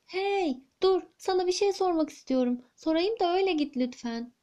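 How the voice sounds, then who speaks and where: Woman as a polite little boy pleading earnestly, high and soft. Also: expressive, moderate pace, dull audio. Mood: eager. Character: small brave boy, polite and clever.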